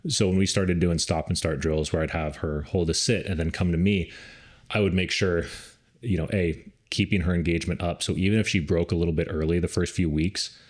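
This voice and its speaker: Deep-voiced man chatting casually. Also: brisk. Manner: relaxed, rambling with many fillers. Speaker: podcast co-host, dog rescue trainer. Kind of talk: casual conversational advice.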